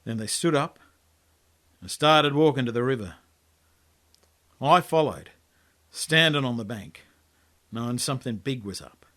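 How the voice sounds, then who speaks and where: A man's voice: medium pitch, animated, unhurried, long pauses, a bit bright. An Australian man reading his own story as a colloquial, laconic first-person yarn. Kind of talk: storytelling monologue, first-person character narration.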